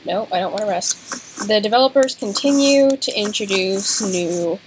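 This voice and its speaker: Quiet young woman co-player, mumbly and soft, casual gaming banter, noisy clicky recording. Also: mid-range voice, normal speed. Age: young adult. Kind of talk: casual let's-play chat.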